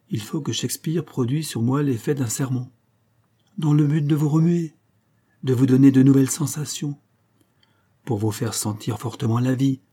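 Man reading a classic novel, mellow husky voice. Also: medium pitch. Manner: measured, literary delivery. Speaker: audiobook narrator. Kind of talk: scripted narration of a classic novel.

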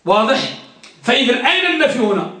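A male teacher runs a grammar class, repeating examples and quizzing his students. His voice sits very high and sounds bright and forceful. The echoing classroom gives it a roomy ring. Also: very animated, fast talker.

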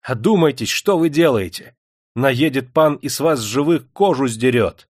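A man with a mid-range, natural voice, raised above his own usual pitch, plays a frightened yet proud young Polish noblewoman crying out in desperate defiance. He is animated, moderately paced and a little mellow, recorded dry with studio quality.

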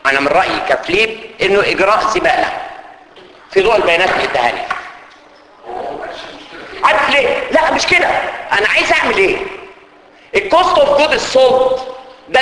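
An Egyptian man teaching a lively class, his fairly high voice leaping up and down as he jokes and explains. He sounds roomy, with a long hall reverb and faint ambience behind him. English technical terms slip into his Arabic. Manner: animated and joking, mixes English audit terms into Arabic. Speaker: internal audit course instructor.

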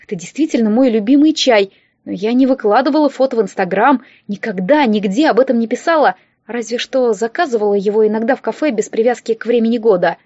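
A woman narrating a humorous romance audiobook in a wry, lively first-person manner. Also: on the high side, quick pace, no room sound, dull audio.

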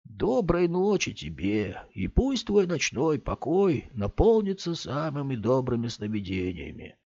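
A man's voice: mid-range voice, sing-song, unhurried, vocal fry, a little mellow, no echo, voice pushed up, heavily acted. A man voicing a big drunken man who sweet-talks, then turns pleading and whiny, with hiccups. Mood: bitter. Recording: dry, slightly muffled.

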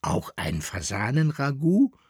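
A man voicing a jovial, knowing man at an inn in an audiobook, with a slow, drawling, amused delivery. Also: mid-range voice, wildly swooping pitch, creaky, darkish tone, slightly rough, dry recording, studio quality, full character voice.

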